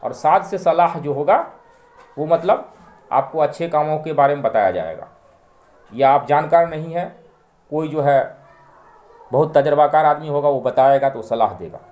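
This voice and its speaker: A man teaching a spoken grammar lesson, reading out word pairs one by one and repeating them slowly and deliberately for learners. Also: on the high side, a little mellow, echoey room. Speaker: language teacher.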